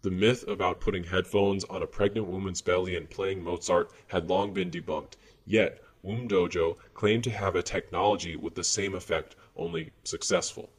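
A man's voice: low-pitched, steady tone, moderate pace, few pauses. A man playing a grave, fearful research whistleblower in a scripted sci-fi monologue, his voice disguised with fuzzy distortion. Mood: serious, measured. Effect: distorted voice disguise with fuzz. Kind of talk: scripted science fiction monologue.

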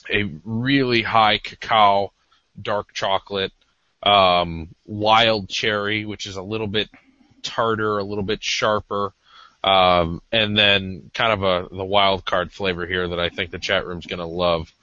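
Low-voiced man, hesitant and casual. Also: fairly even intonation, unhurried, pushed and bright, no echo. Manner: hesitant, self-deprecating. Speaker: podcast co-host. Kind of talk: casual, discursive talk. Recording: slightly dull lo-fi audio.

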